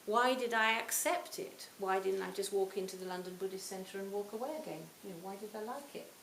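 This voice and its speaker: A woman in her sixties giving a reflective Buddhist talk to a retreat audience, her phrases often trailing off softly. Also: mid-range voice, a little fast, gravelly. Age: 60s. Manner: reflective, warm storytelling with soft trailing phrase ends. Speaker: Buddhist teacher. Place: retreat hall. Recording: roomy hall, faint hiss.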